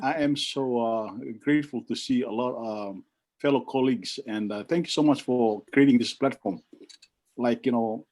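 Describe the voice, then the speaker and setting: An older man from Fiji gives a toast over a video call. He talks haltingly, with plenty of ums and restarts. His voice sits at a middle pitch. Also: a little mellow. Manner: halting, with many fillers and restarts. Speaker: alumnus giving a toast.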